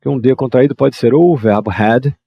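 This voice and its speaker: A man from Brazil teaching English grammar, explaining exercises at a quick clip and reading model sentences slowly. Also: mid-range voice, creaky, husky, no echo. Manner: lively, switches between explaining and slow model sentences. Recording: dry, dull lo-fi mic.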